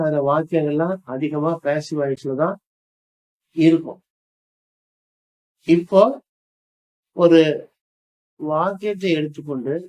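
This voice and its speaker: Slow, deliberate older Tamil-accented teacher. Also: male voice, a little high, a little mellow, poor audio. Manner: deliberate, spells out example sentences slowly, mixing in English phrases. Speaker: English grammar teacher. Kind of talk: slow explanatory lesson.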